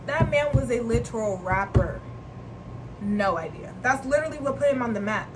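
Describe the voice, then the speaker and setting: A woman's voice: fairly high pitch, animated, moderate pace, noisy background. A young woman from Nigeria chatting casually in a vlog, rambling and slangy and laughing often. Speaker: vlogger. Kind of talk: casual chat.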